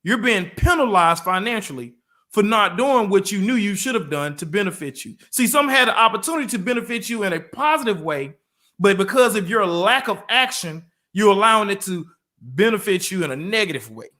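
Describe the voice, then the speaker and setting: A man co-hosting a motivational talk show, telling everyday stories and acting out quotes with lively energy. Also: high voice, a little fast. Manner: storytelling with lively acted-out quotes. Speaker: co-host.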